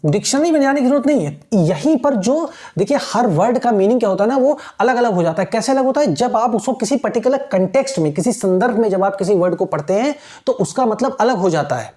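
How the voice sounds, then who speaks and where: A man's voice: high voice, warm tone. Patient male tutor quizzing himself aloud. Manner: explains step by step, asks and answers his own questions; reads English phrases slowly and repeats key words. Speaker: teacher. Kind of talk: exam-prep language lesson.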